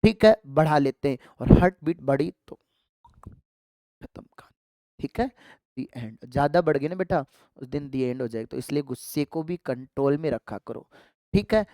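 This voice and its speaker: A biology teacher runs an exam-prep lesson, asking the class questions and answering them, then repeating key terms as drills. The voice is smooth and clear. The sound is dry and close, with no room echo. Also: mid-range voice, normal speed, dark tone. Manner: asks students rhetorical questions and answers them; calls students affectionately "child" and "dear kids".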